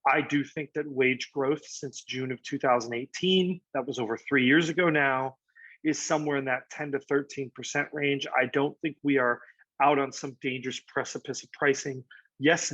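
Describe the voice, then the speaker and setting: This man, a real estate agent, goes over market charts casually, full of fillers and "right?" tags. He has a mid-range, slightly bright voice with no echo. It's a dry, slightly dull lo-fi recording.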